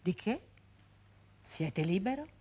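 An actress playing a weary, cold wife who answers dismissively in a stage play recording. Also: female voice, mid-range voice, big pitch swings, slow, warm tone, husky, full character voice. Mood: impatient.

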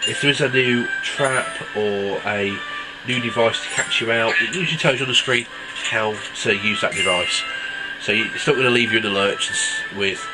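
This is a fairly low-pitched man, clearly congested from a cold, giving a laid-back, um-heavy review of a mobile game. He reviews apps, and his low-quality recording carries loud game music in the background.

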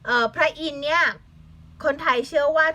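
A young woman teaches children, her voice bright and a little high. She spells each word letter by letter, patiently asks the class for answers, and slips in short English glosses. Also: brisk. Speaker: Thai language teacher. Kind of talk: online language lesson for children.

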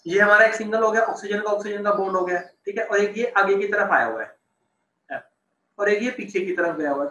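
Brief: young male chemistry teacher, high voice, loose chatty explaining, echoey room. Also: pushed and bright. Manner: casual, repeats terms, checks students follow. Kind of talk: online class explaining on a board.

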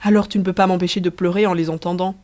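A woman voicing a soft-hearted, doubtful young emperor who speaks in a mild, questioning way. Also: fairly low pitch, steady tone, very fast, natural voice.

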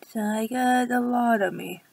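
A woman chatting casually to her viewers, giggling often and drifting into soft whispers. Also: a little high, measured pace, creaky, a little hiss or hum, low-quality recording. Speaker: vlogger. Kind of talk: casual rambling chat to camera.

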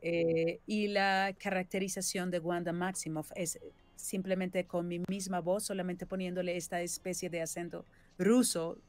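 A woman from Venezuela, a voice actress, explaining her work at length in a relaxed interview, often ending thoughts with a questioning tag. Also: lowish voice, normal speed. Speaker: voice actress and singer-songwriter, guest. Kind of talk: casual interview chat.

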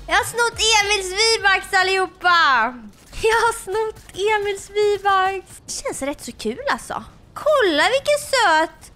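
A young woman talks casually to her viewers while she plays a game. Her voice is high and bright, giggly and excitable, and it jumps into shrieks whenever something surprises her. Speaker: girlfriend of the host, gaming on camera. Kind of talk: casual gaming chat.

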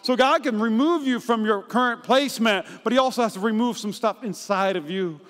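Male pastor, 30s, very high voice, energetic joking sermon, reverberant church hall. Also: a little fast. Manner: energetic, jokey, rhetorical asides. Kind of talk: sermon with comic storytelling. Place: church auditorium.

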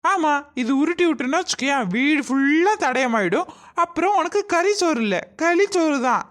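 A bossy village woman with a high voice snaps orders at the others, as a woman plays her. She scolds in a sharp, no-nonsense way throughout the comic skit. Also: lively intonation, normal speed. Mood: scolding.

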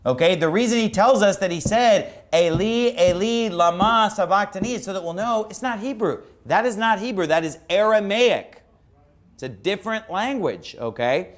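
A man's voice: high-pitched, expressive, normal speed. A man preaching a sermon in a church, emphatic and argumentative, mocking opposing views in a raised voice. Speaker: pastor. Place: church sanctuary.

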